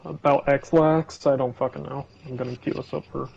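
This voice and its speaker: Over dull-sounding voice chat, a young man jokes and swears casually with his co-op partner mid-game. His medium-pitched voice is gravelly and darkish, holding a steady tone at a moderate pace, with a little hiss or hum underneath.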